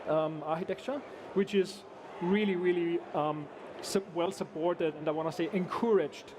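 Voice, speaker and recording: An Austrian engineer, appearing as a guest, chats in a casual interview at a conference event. His voice is a little high and steady, at a moderate pace, and he hesitates a lot, restarting sentences and using many fillers. The background is noisy.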